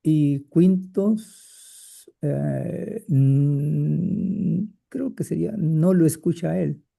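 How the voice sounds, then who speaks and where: Hesitant male student, gravelly and dark. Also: a little high, extremely slow. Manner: hesitant, many "eh" and "ok" fillers. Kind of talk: reading and translating in class.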